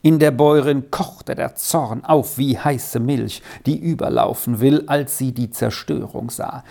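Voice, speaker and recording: A woman reading a children's story aloud in a calm, measured way. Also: extremely low pitch, creaky. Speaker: narrator.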